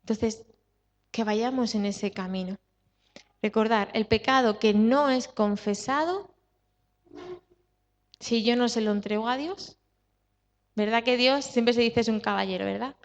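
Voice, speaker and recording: A woman's voice: on the high side, measured pace, pauses often. A woman pastor with a Spanish accent from Spain preaching a sermon, stressing points with repetition and questions to the congregation. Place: church hall. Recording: dull sound with long hall reverb.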